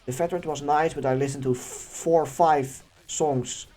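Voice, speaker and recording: A young man with a Dutch accent, whose first language is Dutch, hosting a casual Q&A and answering viewer questions in a chatty, animated way. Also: fairly high pitch, normal speed, faint music behind. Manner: chatty and animated, laughing often. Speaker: YouTube channel host.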